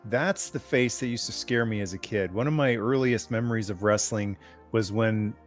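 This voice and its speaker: A man's voice: lowish voice, moderate pace, soft background music. A man giving casual, amused and enthusiastic reaction commentary on wrestling.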